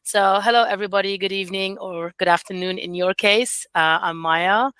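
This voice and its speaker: A woman in her forties, an academic coordinator and non-native English speaker, gives a chatty, encouraging informal webinar over a video call, using many fillers. Her medium-pitched voice is steady, smooth and a bit bright, at normal speed with no echo.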